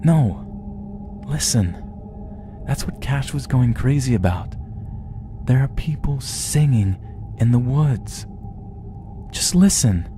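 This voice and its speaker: A man's voice: medium pitch, lively intonation, slow, long pauses, over music, pitched above the performer's own voice. A man voicing a frightened teenage boy who urgently pleads with his father in a horror story reading. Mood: pleading.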